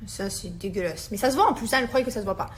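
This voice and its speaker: A woman influencer chatting softly and casually into her phone, with a mocking edge. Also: racing, soft background music. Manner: soft, low-key, mocking chatter. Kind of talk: casual social media story.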